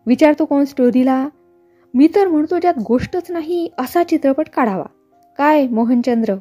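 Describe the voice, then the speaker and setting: A smooth-talking, ingratiating studio boss heaps praise on his star, as a woman narrator puts him on. The voice stays mellow and slow in this storybook reading, over faint music. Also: very high voice. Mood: fawning. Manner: fawning, flattering. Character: fawning middle-aged male film company boss.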